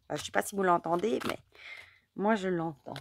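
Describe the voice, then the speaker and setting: A hoarse mother, chatting in a rambling way as she hosts an oracle card reading. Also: lowish voice, fairly quick, slight background noise. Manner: chatty and rambling, many fillers. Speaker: oracle card reader, channel host. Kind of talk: casual chat during a card reading.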